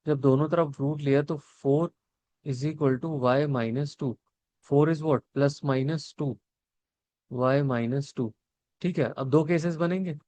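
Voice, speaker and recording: A young man takes his maths lesson slowly, his voice high-leaning and mellow on a dry recording. Working through each step, he questions the students and answers them, mixing Hindi and English.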